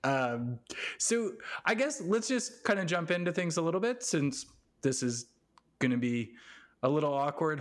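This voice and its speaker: A man hosting a casual interview podcast in a halting, rambling, self-deprecating way. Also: medium pitch. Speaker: podcast host. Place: basement apartment at home.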